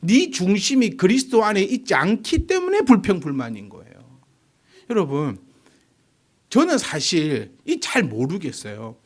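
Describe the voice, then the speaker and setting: Animated preaching man in his forties. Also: high voice, unhurried, slightly rough. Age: 40s. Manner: animated, fires rhetorical questions at the congregation. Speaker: pastor. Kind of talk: sermon.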